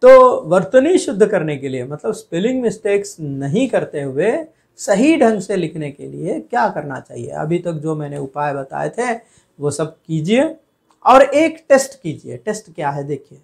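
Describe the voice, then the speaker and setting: A man teaching a spelling and pronunciation lesson, drawing out words slowly and asking questions he then answers himself. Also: a little high, very animated, vocal fry. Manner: slow, deliberate, stretches out words to model pronunciation. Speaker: Hindi teacher.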